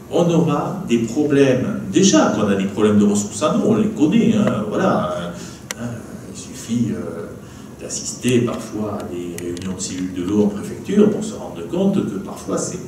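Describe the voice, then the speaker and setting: A man with a southwestern French accent talks a lecture audience through slides, his pitch rising and falling a lot and his tone warm and mellow. He is recorded from across an echoey room, with faint noise behind him. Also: recorded from a distance. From southwest France. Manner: lively, chatty, peppered with "hein" and "d'accord". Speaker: meteorologist giving a public talk. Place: archive building lecture room.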